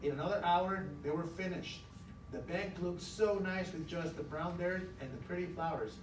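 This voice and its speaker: Here a man with a high-pitched voice leads an interactive read-aloud for young children indoors, speaking at an ordinary pace. His storytelling is expressive and his questions are warm and emphatic, though the mic sits far away in a reverberant, noisy classroom.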